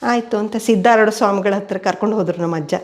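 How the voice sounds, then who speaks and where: This older woman speaks fast in a medium-pitched voice while recounting family stories as an interviewee at home indoors. Her storytelling is steady, and she voices quoted people.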